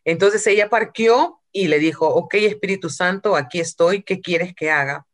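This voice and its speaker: A woman's voice: lowish voice, normal speed. A woman preaching a sermon from Peru, retelling a story and acting out quotes, with some English phrases.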